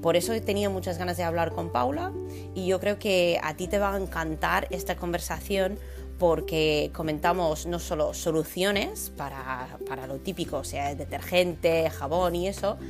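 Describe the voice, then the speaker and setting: A woman's voice: fairly low pitch, normal speed, over music. A woman hosting a casual podcast interview, chatty, with frequent fillers and restarts. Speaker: podcast host.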